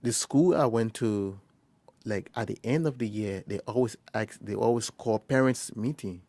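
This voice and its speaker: A young man from Liberia speaks in a low, gravelly voice, recorded close in a dry, quiet space. He tells his story haltingly, restarting phrases and acting out short exchanges. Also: dry recording. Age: young adult. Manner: halting, with frequent restarts and quoted dialogue. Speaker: interviewee, first-year college student. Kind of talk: personal storytelling interview.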